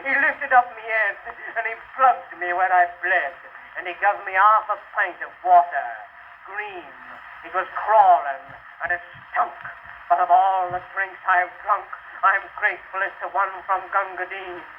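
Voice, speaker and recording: A man's voice: high voice, expressive, a little slow, phone-quality sound. A man playing a boisterous British soldier in a hammy recitation of verse. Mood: storytelling, fervent. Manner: hammy theatrical stage declamation, shouting and swelling. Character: rough, boisterous old British soldier in India, reminiscing fervently. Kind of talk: 1920s dramatic verse recitation. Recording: scratchy band-limited 1920s acoustic record.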